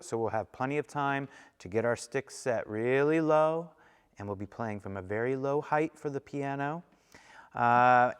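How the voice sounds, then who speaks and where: A man's voice: medium pitch, smooth, long reverb tail. A man teaching a snare drum lesson, explaining each step and counting and singing the rhythms aloud in an encouraging way. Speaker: percussion teacher. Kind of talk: instructional lesson.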